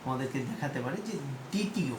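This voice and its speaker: A man teaches a pronunciation lesson at a slow, deliberate pace. He repeats each word and keeps turning to his students with questions. His voice echoes in the room over a faint background hiss. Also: medium pitch, animated.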